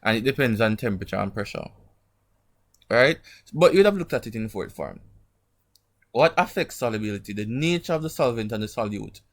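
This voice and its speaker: A man's voice: fairly low pitch, expressive, fairly quick, long pauses. A man teaching an online lesson informally, his speech slightly muffled by a sore mouth, often checking in with short tag questions. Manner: didactic, frequent check-in tags like "right?" and "okay?". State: sore mouth from an emerging wisdom tooth. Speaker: chemistry teacher. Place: online class over screen share.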